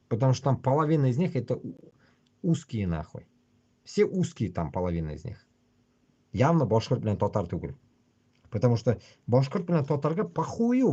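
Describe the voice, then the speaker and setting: A man with a husky voice, ranting casually and bluntly on a livestream with constant swearing. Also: mid-range voice, warm tone, highs cut off. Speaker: livestream host. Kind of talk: casual rambling livestream rant.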